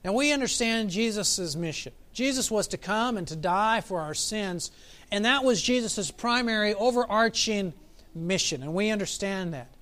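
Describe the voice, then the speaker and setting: A man preaching a sermon as pastor, reflective, asking his listeners questions and slowing down for emphasis. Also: sits high, expressive, a bit bright. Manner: reflective, asks the congregation questions, varies pace for emphasis.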